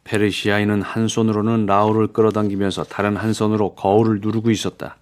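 A man narrating an audiobook in a steady, even storytelling manner. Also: on the low side, quick pace.

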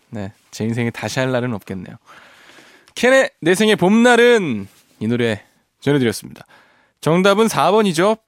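A man's voice: fairly high pitch, no echo, studio quality. A man hosting a radio show, reading out listener messages playfully and laughing often. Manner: playful, laughs often, strains voice singing a line. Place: radio studio.

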